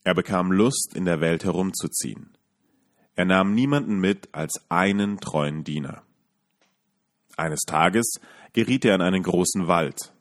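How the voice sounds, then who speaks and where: A man calmly reading a fairy tale aloud as a podcast storyteller. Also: deep voice. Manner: calm, measured reading.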